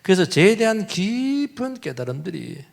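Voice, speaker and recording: A middle-aged male pastor, preaching an animated sermon and swinging between loud outbursts and hushed asides. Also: high voice, moderate pace, gravelly. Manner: animated, acts out quoted voices, shifts between loud and hushed. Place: church sanctuary. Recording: long church reverb.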